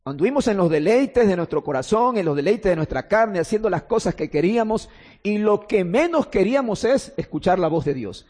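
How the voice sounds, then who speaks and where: A man's voice: sits high, animated, a little fast, a little mellow. A man preaching an earnest, emphatic sermon in a church. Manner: earnest, emphatic preaching with repeated phrases and restarts. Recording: long hall reverb.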